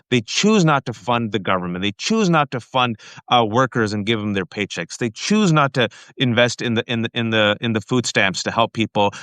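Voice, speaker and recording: A man's voice: medium pitch, fairly bright tone, clear, resonant tone, no echo. A male host of a political talk show, speaking emphatically with stammering restarts and repeated lists.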